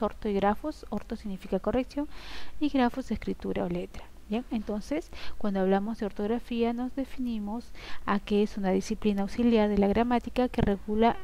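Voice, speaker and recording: Mellow-voiced woman teaching a grammar lesson. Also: medium pitch. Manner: didactic, asks rhetorical questions, tags with ¿no? and ¿ok?.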